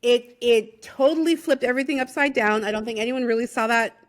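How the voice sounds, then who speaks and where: A woman hosts a casual podcast interview with a slightly high voice. She keeps the talk moving and backs her guest up with quick "mm-hmm"s and "yeah"s. When she gets going, she speaks in an animated, emphatic way. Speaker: podcast host.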